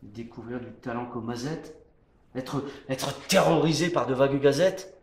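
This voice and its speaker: A man playing a proud, defiant poet-swordsman, declaiming a classical French stage verse monologue in a hammy stage-actor manner that moves between hushed and booming. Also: measured pace, lightly acted. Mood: indignant, sardonic. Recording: roomy echo, faint background noise.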